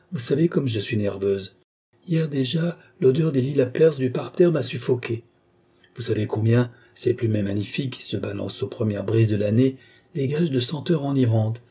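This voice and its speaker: A man's voice: mid-range voice, normal speed, warm tone, slightly rough. A man reading aloud, voicing a frail, nervous young noblewoman who talks in a breathless, protesting way. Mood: feverish.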